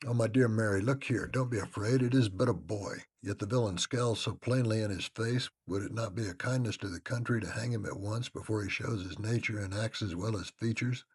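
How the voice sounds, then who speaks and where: A man's voice: on the low side, a little fast, hardly any pauses, breathy edge. A man voicing a pompous, fussy old magistrate who speaks with indignation. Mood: indignant.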